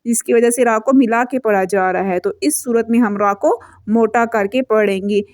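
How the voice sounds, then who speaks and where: A woman teaching Quran recitation rules patiently, explaining step by step and chanting example verses slowly. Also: fairly high pitch, darkish tone, no room sound, studio quality.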